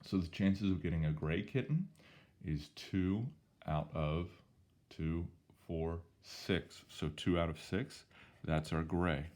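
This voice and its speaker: A male statistics teacher, hoarse from losing his voice, casually talking through problems step by step in a recorded lesson. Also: sits low, darkish tone. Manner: casual, chatty, talks through each step. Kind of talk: recorded math lesson walkthrough.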